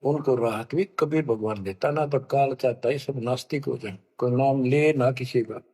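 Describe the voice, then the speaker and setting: A man giving a devotional discourse, chanting verses slowly and explaining them to his listeners. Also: medium pitch, dark tone, husky, big-room sound. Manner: slow, drawn-out chanting of verses. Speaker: spiritual preacher.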